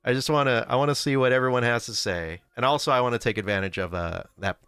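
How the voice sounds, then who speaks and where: Talking fast in a medium-pitched voice that's clear, resonant, and fairly bright, this man hosts a casual livestream. The studio-quality recording is dry, with faint background music, as he rambles through the chat, correcting himself and laughing a lot.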